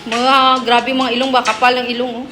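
A woman's voice: a little high, little pitch movement, brisk, over music. A woman vlogger giving a teasing, playful house tour, laughing often as she chats.

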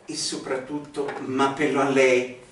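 A man's voice: medium pitch, flat delivery, normal speed, far from the mic, a little hiss or hum, natural voice. A middle-aged man playing a bossy, fussy neighbour in an amateur comedy sketch. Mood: fussy, urgent. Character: bossy, fussy male neighbour mad about radio contests. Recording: roomy living-room echo, camera across room.

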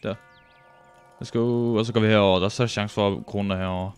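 A young man with a Danish accent, commentating a speedrun live, excitable and joking with frequent swearing. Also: lowish voice, clear, resonant tone, soft background music. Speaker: streamer.

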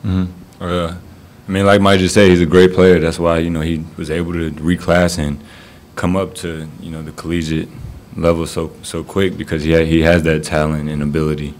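A young college basketball player talks into a table mic at a postgame press conference. His voice is deep and fairly monotone, and he pads his answers with plenty of "um" and "you know". A faint hiss sits under the room sound. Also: normal speed, hardly any pauses. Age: young adult. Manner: low-key, many fillers.

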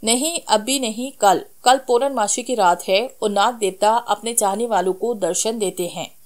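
A woman's voice: fairly high pitch, normal speed, darkish tone, natural voice. A woman voicing a loving young snake-woman who keeps a secret, in a storybook horror tale. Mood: tender.

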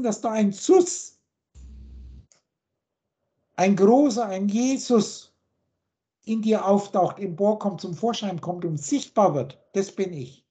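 Speaking in a mellow, mid-range voice, a teacher on a video call lectures on word roots and runs through long chains of words and what they mean.

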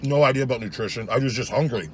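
A man's voice: racing, slight background noise. A young man reviewing food in a casual, joking way, talking while chewing with his mouth full in a parked truck. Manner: loose and joking, low-key asides. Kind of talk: casual vlog monologue.

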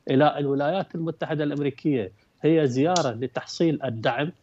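A man analyzing politics as a talk-show guest, measured, with frequent hesitant fillers. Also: fairly high pitch, darkish tone, no echo. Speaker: international relations researcher guest. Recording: dull dry remote link.

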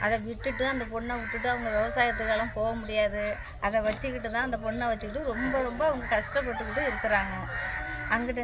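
Woman neighbor, earnest explainer, somewhat high, noisy outdoor take.

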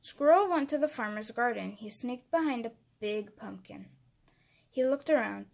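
A woman narrating a children's picture book aloud, clear and expressive. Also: on the high side, normal speed.

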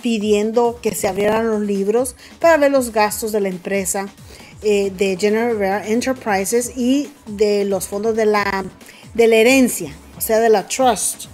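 A woman's voice: medium pitch, fairly even intonation, a little slow, darkish tone, soft background music. A woman hosting celebrity gossip commentary, telling the story in a dramatic, mocking way and calling her viewers family.

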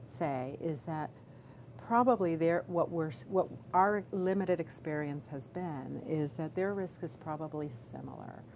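A woman doctor, an obstetrician-gynecologist and chief medical officer, answers a question in a live video Q&A. Her low, darkish voice is halting and measured, full of fillers and restarts. The audio is poor, with background noise.

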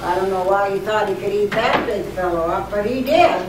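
A woman's voice: mid-range voice, normal speed. A woman reading a storybook aloud to schoolchildren, chatting with them and asking them questions as she goes. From North Dakota, USA. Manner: chatty, asks the children questions. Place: school classroom. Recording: roomy, distant, faint hum.

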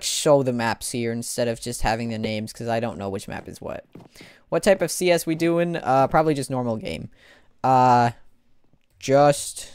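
Male livestreamer, excitable play-by-play commentary, unhurried delivery with a very animated pitch. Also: clear, resonant tone, no echo. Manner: excitable, exclaims and laughs during play. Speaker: gaming livestreamer. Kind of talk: casual gaming livestream commentary.

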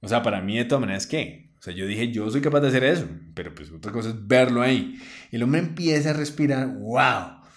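A Colombian-accented man recounts a personal story. He talks at a middle pitch, slangy and animated, looping back over his own phrases. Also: brisk. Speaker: vlogger. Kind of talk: personal anecdote.

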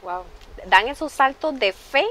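Lady tv host, kinda high voice, pep-talking viewers, faint hiss behind. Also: animated, a little slow, bright, forceful tone. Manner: encouraging, motivational, speaks straight to viewers. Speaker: TV show host. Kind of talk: interview talk show.

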